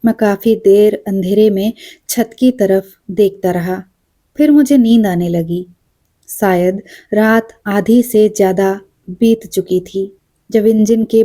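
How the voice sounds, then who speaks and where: A woman narrating a short story as an audiobook, measured and quiet. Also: medium pitch.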